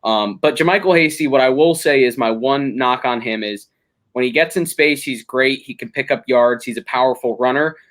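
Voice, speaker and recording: A man's voice: medium pitch, normal speed, fairly bright tone. A young man hosting a casual sports podcast, talking through games analytically with frequent ums and restarts. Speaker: podcast host.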